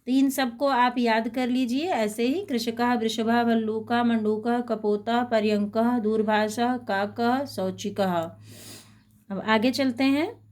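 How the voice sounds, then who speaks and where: Woman teacher, higher-pitched voice, slow patient pace, repeats each word, lesson for children. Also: steady tone, a little mellow. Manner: patient, spells out words slowly and repeats them. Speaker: Sanskrit teacher. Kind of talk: slow explanatory lesson for schoolchildren.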